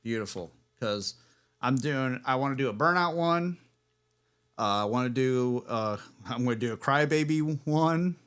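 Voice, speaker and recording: A man's voice: mid-range voice, a little slow, a bit bright, clean tone. A man hosting a casual livestream equipment test, rambling and chuckling as he corrects himself. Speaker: livestream host.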